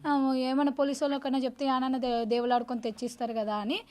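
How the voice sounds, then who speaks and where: A woman, the victim's sister, speaking rapidly and insistently to a reporter in an emotional news interview. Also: sits high, steady tone, a little mellow. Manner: rapid, insistent, repeatedly addresses the reporter as sir.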